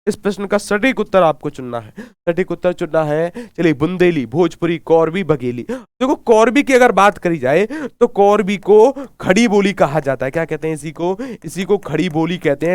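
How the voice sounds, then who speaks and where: A man's voice: a little high, animated, moderate pace, smooth, no echo. A man teaching a live online Hindi exam class, asking questions and repeating answers, urging viewers to comment. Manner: drills answers with repeated questions and call-backs.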